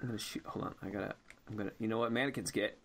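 A man's voice: lowish voice, steady tone, racing, a bit bright, slight background noise. A man hosting a let's play, giving casual gameplay commentary, often laughing and reading game text aloud.

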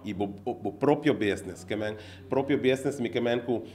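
Speaking into a handheld reporter mic held near his mouth, a middle-aged man explains his business in a news interview at an opening event in an indoor office. His voice is medium-pitched and darkish, and he talks fairly quickly. He is earnest, going step by step with lots of fillers.

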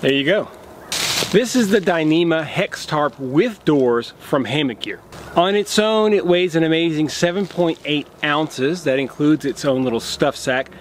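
A man in his thirties walks through his camping setup in a relaxed, practical way, explaining each piece as he handles it. He is recorded outdoors in a pine forest on a camera mic, with a faint outdoor hush behind him. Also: on the high side, unhurried, a little hiss or hum. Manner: relaxed, hands-on explaining while demonstrating gear. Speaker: outdoor gear vlogger. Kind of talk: casual gear demonstration.

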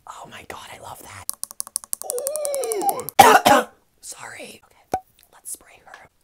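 A man's voice: very high-pitched, wildly swooping pitch, slow. A young man in his late teens, a YouTuber from Canada doing comedic ASMR whispering into an earphone headset mic. He is crude and sassy and swears constantly. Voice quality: whispery with a gravelly edge.

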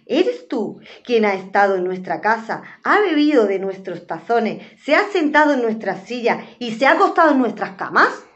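A firm mother bear from a storybook asks pointed questions, as a woman puts her on. Her voice sits a bit higher than plain speech. The sound is dull and lo-fi. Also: very animated, moderate pace, few pauses, fairly bright tone. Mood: stern.

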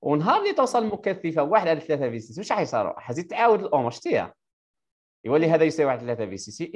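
A man with an Algerian Arabic accent teaches electronics over a video call at a breakneck clip. His voice leaps up and down as he fires one question after another at his student. He confirms each answer before moving on. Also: mid-range voice. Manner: quizzes the student with rapid-fire questions and confirms her answers. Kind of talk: live online tutoring lesson.

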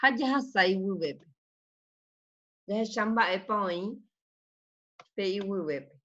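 A woman teacher giving a slow, patient class, sounding out each word and explaining rules to her students. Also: mid-range voice, animated, a bit bright. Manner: slow, patient, spells out words. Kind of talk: online class lesson. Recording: muffled lo-fi recording.

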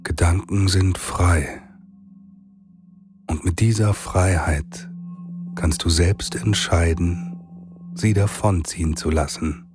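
A man narrating a guided sleep meditation like a soothing sleep-story narrator, with long pauses between phrases. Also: deep voice. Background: meditative singing bowl music.

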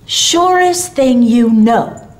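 A woman's voice: a little high, lively intonation, extremely slow. A woman voicing a jolly, kindly old Santa Claus in a storybook, with a folksy, drawling, reassuring manner. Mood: hearty, comforting.

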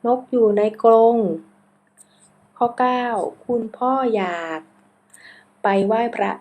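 A woman's voice: on the high side, steady tone, slow pace, a little mellow. A woman teacher reading out exercise answers item by item, spelling out how each word is pronounced.

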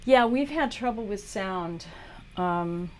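A woman's voice: medium pitch, expressive, slow. A woman teaching art on a livestream, chatting casually as she talks viewers through a drawing demo. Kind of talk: live demo tutorial.

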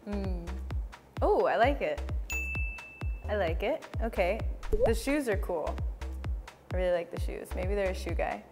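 A woman's voice: medium pitch, animated, a little slow, pauses often, music in the background. A woman in her twenties from the United States, chatting casually on a dating show and laughing often. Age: 20s. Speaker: blind-date contestant. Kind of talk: casual chat. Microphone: lapel mic.

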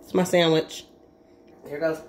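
A woman's voice: low-pitched, flat delivery, measured pace, a little mellow, a little hiss or hum. A woman chatting casually in a cooking vlog, filling her talk with "like" and talking while she eats. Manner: chatty, frequent "like" fillers, talks while eating. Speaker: vlogger. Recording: echoey room.

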